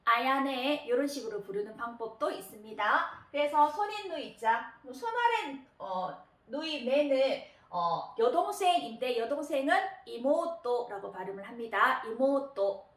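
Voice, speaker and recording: A woman teaching Japanese kanji readings, patient, often pausing with fillers and repeating key words slowly. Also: high voice, very animated, a bit bright. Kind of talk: explanatory lesson narration. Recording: roomy echo.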